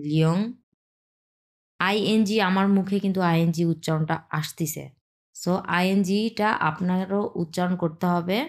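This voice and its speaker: A woman teaching a pronunciation lesson, repeating sounds slowly and checking in with her students. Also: mid-range voice. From Bangladesh. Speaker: language teacher.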